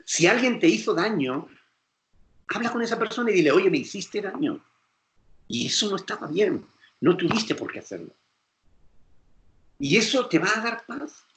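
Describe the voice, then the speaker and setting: A man's voice: sits high, big pitch swings, normal speed, pauses often, a bit bright, echoey room, slight background noise. A male pastor with a Spain Spanish accent, preaching emphatically and acting out quoted voices. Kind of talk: sermon lecture.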